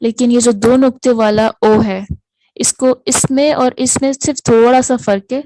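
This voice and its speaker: Woman, language teacher, fairly high voice, patient, repeats each sound, dry close recording. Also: steady tone, warm tone, no echo, rough recording. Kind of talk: alphabet lesson, slow explanation.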